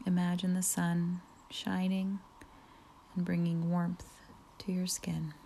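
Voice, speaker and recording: A woman leading a guided relaxation meditation, speaking softly with frequent whispered phrases and long pauses. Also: on the low side, monotone, creaky, slight background noise. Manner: slow, soft, partly whispered, soothing pauses.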